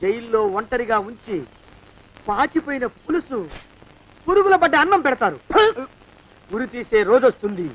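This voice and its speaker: An actor in a film comedy scene, playing a scheming man who slowly taunts a terrified victim. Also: very high-pitched, big pitch swings, muffled recording, a little hiss or hum. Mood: taunting.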